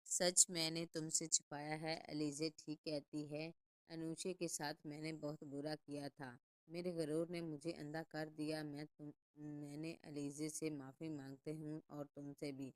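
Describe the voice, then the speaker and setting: Lady voicing a crying guilty guy begging, low voice. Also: little pitch movement, clear, resonant tone, natural voice. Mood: pleading. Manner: pleading, tearful. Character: remorseful man weeping and begging forgiveness.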